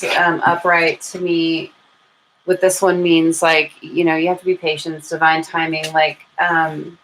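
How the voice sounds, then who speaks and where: This American tarot reader has a deep, slightly bright voice and chats informally with viewers during her live reading, thinking aloud. Poor audio carries clear background noise and room ambience.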